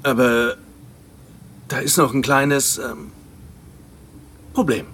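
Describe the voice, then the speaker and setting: A man's voice: mid-range voice, steady tone, takes it slowly, a bit bright, slight background noise. A man dubbing a bumbling henchman who reports in a hesitant, sheepish way, in a German film dub.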